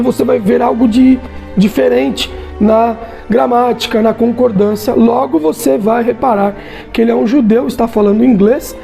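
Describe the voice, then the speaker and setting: His pitch is extremely high, creaky yet mellow, and his accent is Brazilian Portuguese. The Brazilian man chats casually through a comic book review, tacking little check-ins onto his sentences.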